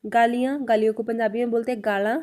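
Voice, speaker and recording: High-voiced woman teaching a language lesson. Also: steady tone, darkish tone. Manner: says each example sentence slowly and repeats it; clear, patient explanation addressed to viewers.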